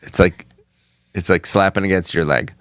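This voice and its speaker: A man's voice: sits low, fairly even intonation, normal speed, no room sound, clean studio sound. A man co-hosting a podcast in casual chat, with wry, laid-back banter. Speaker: podcast co-host.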